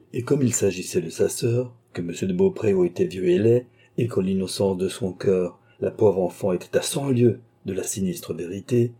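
Low, husky male audiobook narrator. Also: dark tone. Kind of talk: audiobook narration of a classic novel.

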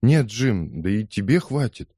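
A man voicing a gentle, timid young woman who pleads softly in an audiobook. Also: fairly low pitch, sing-song, unhurried, slightly rough, dry recording, clean studio sound, pitched above the performer's own voice, full character voice. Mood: pleading. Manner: soft, pleading.

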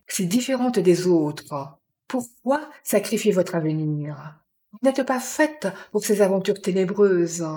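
A woman's voice: mid-range voice, warm tone, lightly acted. A woman reading the part of an agitated man, a crime writer who pleads and presses hard. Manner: urgent, pleading. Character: agitated male crime writer, young adult.

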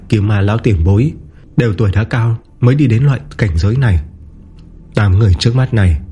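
A man narrating a martial-arts novel in a steady, even storytelling voice. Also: on the low side, husky. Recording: soft background music.

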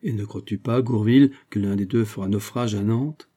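A man's voice: on the low side, normal speed, warm tone, breathy edge. A man reading a classic novel aloud, voicing a proud, commanding French financier with a haughty manner. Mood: grave, hushed. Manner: haughty and imperious.

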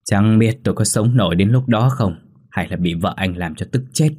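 Man reading as a sharp-tongued old woman scolding her daughter-in-law, nagging, contemptuous, husky low voice, storybook ghost tale. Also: normal speed. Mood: complaining. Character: harsh, scolding elderly mother-in-law.

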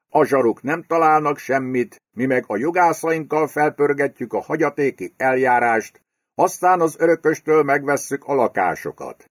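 A domineering, crude male property speculator, read by a man in an audiobook. He threatens and bullies with a lively, swinging delivery. The sound is close and dry. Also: fairly high pitch, dry recording, pitched above the performer's own voice, close to an everyday voice. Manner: menacing, bullying, crude. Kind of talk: audiobook character voice.

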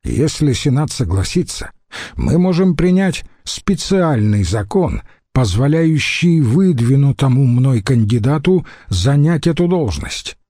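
Man doing a smooth calculating roman general, polite, measured, slow. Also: medium pitch, big pitch swings, mellow, dry recording, studio quality. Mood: persuasive.

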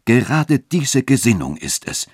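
A man reading a story aloud and voicing a scheming, smooth-talking church dean who shifts between insistence and soft coaxing. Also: low voice, expressive, a little slow, no room sound, studio quality, full character voice. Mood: indignant. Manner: insistent, then softly coaxing. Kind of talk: literary reading.

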